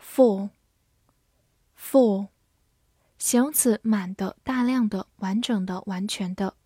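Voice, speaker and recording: A woman teaching English vocabulary in a scripted lesson. She says each English word twice, clearly, then explains it. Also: medium pitch, takes it slowly, mellow, no echo, studio quality.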